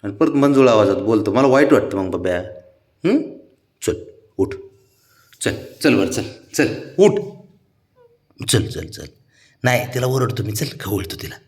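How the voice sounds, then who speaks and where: A man talking to his pet cat in coaxing baby talk, soothing and pleading, with his voice swooping up high on questions. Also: very animated, measured pace, pauses often, a little mellow.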